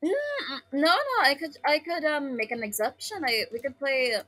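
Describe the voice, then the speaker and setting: A woman's voice: sing-song, moderate pace, rough recording. A young woman from the Philippines with a cute, girlish anime-style way of talking, chatting casually and hesitantly while gaming. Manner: high, cute anime-girl voice, giggly and hesitant. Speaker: voice actress playing as paid gaming companion. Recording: music bed behind the voice.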